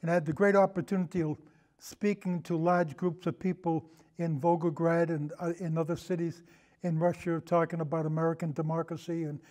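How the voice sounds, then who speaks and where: An older man's voice, on the high side and darkish, moves fairly quickly with little change in pitch. In a casual, reminiscing chat he's hesitant and drifts off on tangents. He is a guest, an amateur historian who podcasts about old time radio.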